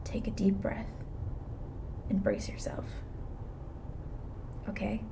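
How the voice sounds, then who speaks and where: In an intimate ASMR roleplay, a woman plays a reaper who is blunt, weary, and reluctantly soft-hearted, speaking in a dry, matter-of-fact way. Her medium-pitched voice barely moves in pitch, goes slowly, and has vocal fry. She sounds firm and instructive.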